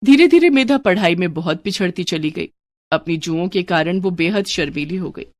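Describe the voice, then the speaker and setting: A woman telling a moral story in steady, expressive scripted narration. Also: fairly low pitch, moderate pace, no room sound.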